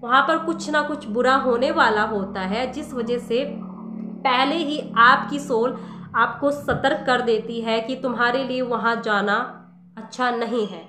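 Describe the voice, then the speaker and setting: Talking straight to the listener, a meditation teacher poses rhetorical questions during a relaxed, conversational spiritual talk on meditation. Her voice is fairly high, bright and forceful, her pace measured, and the echoey room carries slight background noise.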